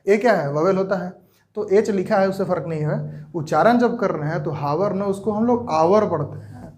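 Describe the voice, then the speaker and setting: A man with a notably high voice and a Jharkhand Hindi accent teaches English grammar to a class. He keeps asking rhetorical questions and answering them himself, and he slows down and stretches key words to drive the point home. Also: a little mellow. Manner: stretches words slowly for emphasis.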